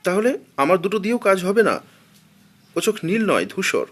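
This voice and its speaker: A man's voice: wildly swooping pitch, normal speed, husky, exaggerated voice. A man voicing a terrified male traveler who pleads with a robber in a raised, pleading voice. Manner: high, pleading, breathless.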